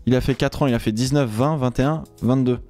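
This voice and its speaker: A man's voice: medium pitch, steady tone, fairly quick, warm tone, faint music behind. A man chatting casually on a live stream, rambling with many fillers and restarts.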